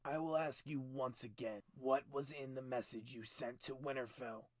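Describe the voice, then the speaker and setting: A man voicing a stern, cold middle-aged king who talks in clipped, forceful commands, higher and louder than his narration. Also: fairly even intonation, normal speed, dry recording, natural voice. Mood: cold, commanding.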